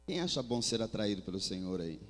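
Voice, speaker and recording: A man preaching a sermon with fervor, his delivery swinging between soft and loud. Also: fairly low pitch, sing-song, brisk. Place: church hall. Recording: long hall reverb with faint music.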